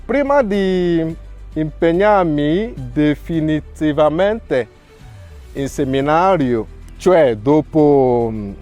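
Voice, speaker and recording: Slow, earnest priest from Nigeria. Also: male voice, on the high side, expressive, a little mellow, soft background music. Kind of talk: reading a prepared testimony.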